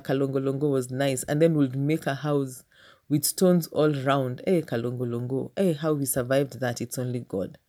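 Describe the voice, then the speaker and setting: Low, mellow-voiced Kenyan woman telling stories. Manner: chatty, humorous, speaks straight to her viewers. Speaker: teacher telling a personal story. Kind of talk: casual storytelling vlog.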